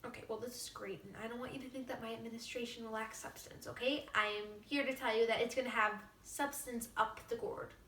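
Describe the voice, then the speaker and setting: A woman's voice: on the high side, fairly even intonation, fairly quick, few pauses, pushed and bright, reverberant, recorded from a distance. A woman playing a giddy, self-absorbed teenage girl who has just been elected class president. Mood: gushing. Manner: bubbly, self-absorbed, gushing.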